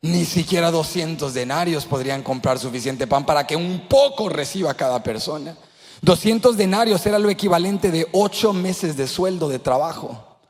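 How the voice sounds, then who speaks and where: A male pastor preaching a sermon in a church sanctuary, passionate, swinging between shouts and hushed asides. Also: a little high, expressive, normal speed. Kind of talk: Spanish-language sermon. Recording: long church hall reverb.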